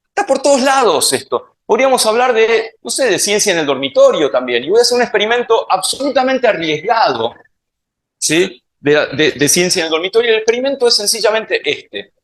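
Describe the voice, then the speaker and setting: Argentine man, science speaker, fairly high voice that swings widely, playful live talk. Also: a bit bright. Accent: Argentine Spanish. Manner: playful, quizzes the audience with questions. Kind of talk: public talk to a live audience.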